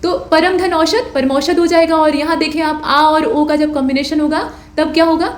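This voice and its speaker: A woman's voice: high voice, steady tone, moderate pace, reverberant. A woman teaching an exam-prep grammar lecture, patiently explaining rules and answering her own questions.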